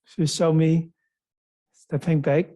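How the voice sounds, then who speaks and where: A man leading an online tai chi class, giving calm, step-by-step movement cues. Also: on the high side. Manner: slow, calm, step-by-step cueing. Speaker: tai chi teacher and workshop leader.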